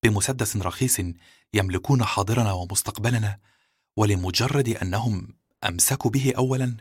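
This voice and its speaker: A man giving scripted first-person audiobook narration in a steady, measured way. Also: on the low side, husky, no room sound, studio quality.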